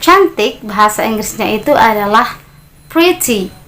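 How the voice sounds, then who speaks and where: A woman teaching beginners English vocabulary, repeating model words slowly and clearly with a lifted voice on each example. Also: a little high. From Indonesia. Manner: addresses learners as friends, steady explaining pace. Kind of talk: beginner language lesson.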